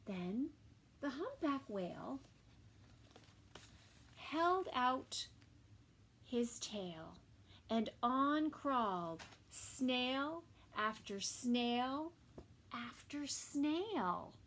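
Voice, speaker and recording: A woman reading a picture book aloud for toddlers at story time, dramatic and with hushed little asides. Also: high-pitched, lively intonation, drawn-out words, long pauses. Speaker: children's story time reader.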